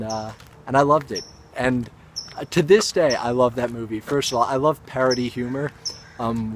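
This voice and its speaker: Young adult male actor, casual vlog storyteller, mid-pitched, rambling and self-aware, faint room noise. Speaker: actor and vlogger.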